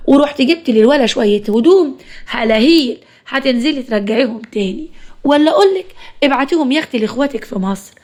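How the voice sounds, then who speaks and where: A woman's voice: on the high side, darkish tone, lightly acted. A woman doing a bossy Egyptian mother-in-law. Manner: bossy, scolding. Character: domineering possessive widowed mother-in-law.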